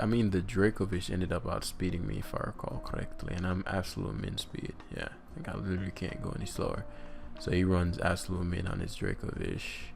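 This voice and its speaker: A man with a very low, gravelly voice talks through his competitive match as he plays. He thinks aloud in a loose, casual way, muttering and trailing off with plenty of ums. Faint music plays behind him. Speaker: competitive game player and commentator. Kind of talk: casual live gameplay commentary.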